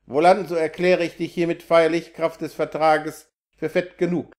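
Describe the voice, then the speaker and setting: Man reading as a gruff scheming sorcerer. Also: on the high side, flat delivery, normal speed, darkish tone, close to an everyday voice. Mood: coldly threatening. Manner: harsh, scolding.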